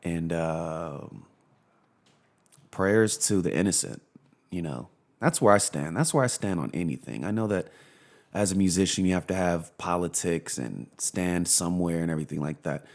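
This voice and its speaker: A man with a fairly low voice hosts his own casual talk show alone at home. He rambles, circles back to the same phrases and swears freely. A lingering cough leaves him a little hoarse. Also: normal speed. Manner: rambling and animated, repeats himself, swears. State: has a cough. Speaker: radio show host. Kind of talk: casual solo commentary.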